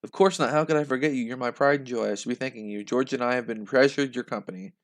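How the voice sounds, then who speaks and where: Gentle comforting mom, soft and soothing; man reading her. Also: medium pitch, fast, close to an everyday voice. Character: gentle loving mother, calm and comforting.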